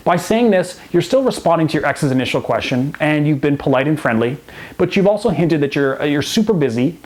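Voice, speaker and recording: A relationship coach and host speaks straight to the viewer in a scripted advice video, taking an instructive tone. His voice is on the high side and expressive, a bit fast, with a darkish quality.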